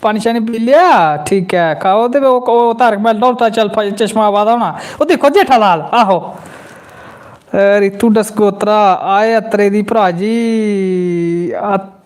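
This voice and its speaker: Slow-paced and high-voiced, a man from Jammu with a Dogri accent hosts a comedy channel live stream. He recounts a funny story, reads viewers' comments, and animatedly performs quoted voices.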